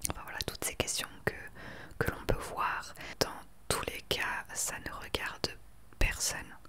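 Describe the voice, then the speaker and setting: Whispering young woman, earnest ASMR chat. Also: unhurried. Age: 20s. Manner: earnest, opinionated. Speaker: ASMR creator. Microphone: desktop USB microphone.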